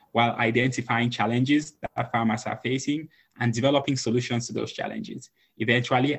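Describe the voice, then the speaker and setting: A Cameroonian man who founded a nonprofit tells his story earnestly as a podcast guest, in a conversational way full of "um"s. His voice is mid-range, creaky and a little breathy.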